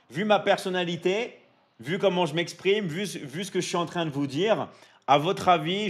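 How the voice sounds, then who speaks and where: Chatty man on a livestream. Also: high voice. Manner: chatty, repeats himself, many fillers and "d'accord?". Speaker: livestream host. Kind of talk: casual live-stream chat reading viewer comments.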